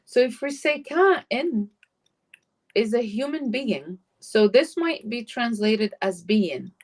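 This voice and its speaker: A woman's voice: fairly high pitch, big pitch swings, very slow. A woman teaching a live online Arabic class, explaining grammar patiently and switching between English and Arabic. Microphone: computer mic on a live stream.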